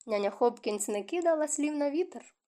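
A woman reading a novel aloud as an audiobook narrator, in a steady, expressive manner. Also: high-pitched, fairly quick.

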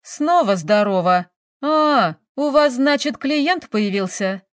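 A woman's voice: high-pitched, lively intonation, slow, no echo, studio quality, pitched above the performer's own voice. Woman reading as a whiny, wheedling detective. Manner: pleading, wheedling. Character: whiny playful grown man, a detective.

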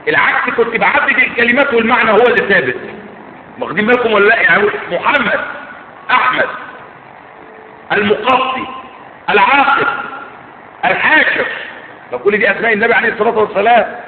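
A man with a high voice and an Egyptian accent teaches a religious class, tossing quick questions back to his students. The sound is thin and phone-like. It rings around a big echoey hall with a faint hum underneath. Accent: Egyptian Arabic. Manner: keeps quizzing listeners with quick check questions. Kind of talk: classroom lecture.

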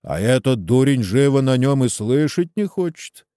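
A man's voice: medium pitch, big pitch swings, moderate pace, warm tone, clear, resonant tone, no echo, studio quality, natural voice. A man voicing a persuasive male village headman in a storybook reading, talking heatedly. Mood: urging. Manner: coaxing, heated.

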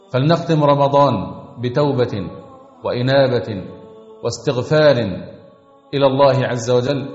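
A man's voice: medium pitch, a little mellow. Earnest preacher man in an echoey hall. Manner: earnest exhorting, rhythmic repetition. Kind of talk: sermon. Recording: echoey long reverb, dull sound, faint music.

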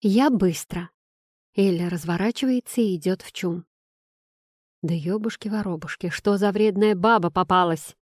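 A woman reading a first-person novel aloud, in a steady, measured way. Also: lowish voice, dry recording, studio quality. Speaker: audiobook reader. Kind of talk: first-person audiobook narration.

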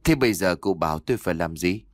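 A man's voice: sits low, expressive, quick pace, no echo, clean studio sound. A man voicing a bewildered, grieving young village man who speaks in a plaintive, uncertain way.

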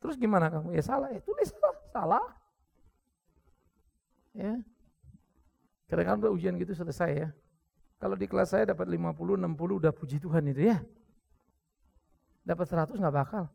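Animated high-voiced preacher man, gravelly. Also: fast talker, pauses often. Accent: Indonesian. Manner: lively preaching with jokes, acted quotes and sudden shouts. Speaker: pastor. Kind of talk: sermon.

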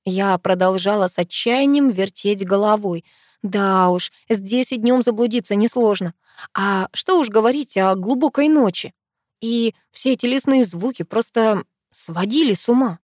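A young woman narrating a first-person audiobook in a lively, expressive storytelling manner. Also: mid-range voice, unhurried, no room sound, clean studio sound.

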